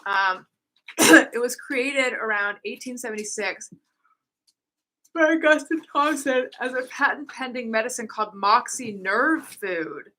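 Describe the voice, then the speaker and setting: A woman's voice: fairly high pitch, animated, unhurried, bright, forceful tone, rough recording. A woman hosting a casual chat, playfully reading out trivia and fighting a cough. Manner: playful, reads trivia aloud. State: coughing, a bit under the weather. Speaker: podcast host.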